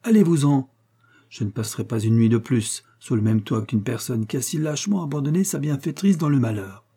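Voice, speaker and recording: A man voicing an indignant middle-aged widow who scolds fast and loud in a storybook reading. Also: mid-range voice, slightly rough.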